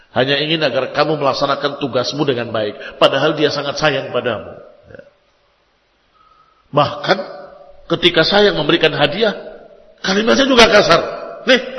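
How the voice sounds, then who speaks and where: A man preaching a sermon to married women, lively and emphatic, sometimes chanting Arabic passages in a sung tone. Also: mid-range voice, muffled recording. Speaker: Islamic preacher. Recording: echoey hall reverb.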